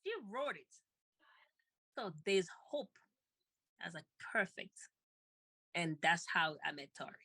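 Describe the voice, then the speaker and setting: A woman's voice: on the low side, big pitch swings, measured pace, long pauses, pushed and bright, husky, no echo. A woman co-host telling a personal story with feeling, often repeating herself and laughing lightly.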